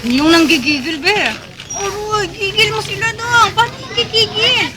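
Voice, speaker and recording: A woman's voice: very high-pitched, moderate pace. A woman filming her toddler at home-video style, coaxing and playfully prompting the child over and over. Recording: loud street noise and crowd chatter.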